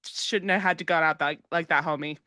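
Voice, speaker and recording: A woman guesting on a podcast, talking in an animated, enthusiastic way. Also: low voice, fairly quick, dry recording, clean studio sound. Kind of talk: casual podcast discussion.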